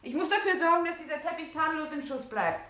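Chattering condescending woman, high lively voice; radio drama. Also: fast. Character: fussy woman, chattering, condescending, then frightened. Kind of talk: 1960s German radio drama acting.

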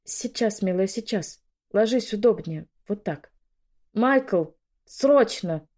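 A woman's voice: lowish voice, normal speed, dark tone. A woman voicing an older noblewoman who urgently gives orders and soothes a young woman in labor. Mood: urgent, soothing. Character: older noblewoman, caring and commanding.

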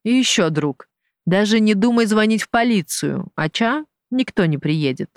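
Brief: reader playing a cruel gang-boss man, taunting and falsely friendly, voice pushed high and loud, dry close recording. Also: lively intonation, normal speed, dry recording, close to an everyday voice. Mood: mocking. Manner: sneering, taunting, falsely genial. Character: cruel mocking male gang boss, middle-aged. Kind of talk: audiobook character voice.

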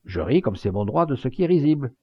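A man voicing a clever young woman, calm and self-assured, in a slightly muffled home recording. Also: mid-range voice, quick pace, breathy edge, no echo. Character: clever young woman, cheeky yet sweet.

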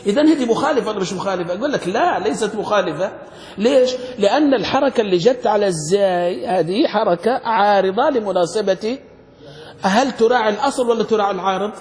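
High-voiced grammar teacher in echoey hall. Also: male voice, expressive, fast, darkish tone. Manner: quizzing students with frequent questions. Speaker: sheikh teaching Arabic grammar. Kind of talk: classroom grammar lesson.

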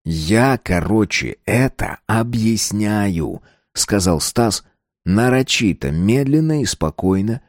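Male narrator, dark low voice, expressive read, dry. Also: no room sound. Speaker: audiobook narrator. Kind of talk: scripted narration.

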